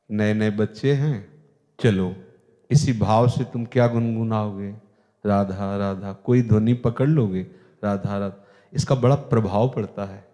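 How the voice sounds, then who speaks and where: A man's voice: lowish voice, warm tone. A man giving an earnest, emphatic devotional discourse as a spiritual teacher. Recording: long hall reverb.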